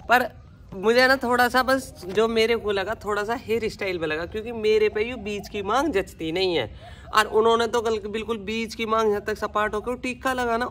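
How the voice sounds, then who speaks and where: A woman's voice: mid-range voice, a bit bright, slight background noise. A woman with a Haryanvi accent chatting casually to her viewers in a vlog, calling them brother. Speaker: vlogger.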